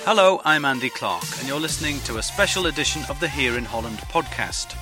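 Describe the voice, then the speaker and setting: A man hosting a podcast, asking passers-by brisk questions and narrating between interviews. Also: medium pitch, animated, music in the background. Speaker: podcast host. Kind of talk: street interviews and scripted narration.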